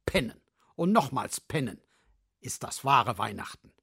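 A man voicing a lazy, sleepy badger in a storybook fable, in a low, drowsy voice. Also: very animated, a little slow, creaky, bright, forceful tone, breathy edge, exaggerated voice.

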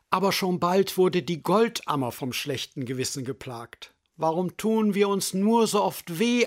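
A man narrating a fairy tale in an expressive storybook reading style. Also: a little high.

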